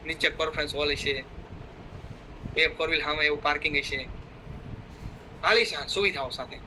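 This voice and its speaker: A man's voice: fairly high pitch, moderate pace, bright, forceful tone, slight background noise, low-quality recording. A middle-aged man giving a fervent motivational talk, urging listeners on and acting out what his friends said. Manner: fervent, exhorting, acts out quoted friends. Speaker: motivational speaker.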